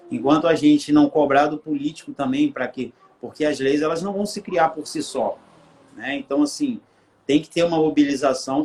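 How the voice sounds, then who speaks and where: A man's voice: fairly high pitch, a little mellow. A man with a Brazilian Portuguese accent, a guest on a live-stream interview, speaking earnestly and building his points through repeated phrases.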